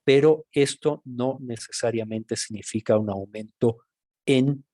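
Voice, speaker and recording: A man from Ecuador with an Ecuadorian accent, a physician giving a measured, explanatory recorded medical lecture that addresses listeners directly. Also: medium pitch, dark tone, no room sound, clean studio sound. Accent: Ecuadorian Spanish.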